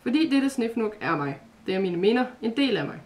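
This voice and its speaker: A woman voicing a gentle, protective mother spirit in a storybook reading, speaking softly. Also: a little high, sing-song. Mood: tender.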